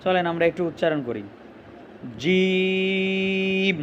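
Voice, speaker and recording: A man's voice: high-pitched, brisk, muffled recording, slight background noise. A man teaching a Quran reading lesson, drawing out letters and asking questions that he answers himself.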